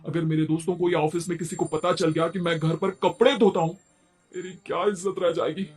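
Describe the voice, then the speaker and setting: A harried young husband voiced by a man in a moral-story cartoon. His voice is high, and he pleads and complains in exasperation, with music running underneath. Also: level tone, brisk, lightly acted. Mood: weary, complaining.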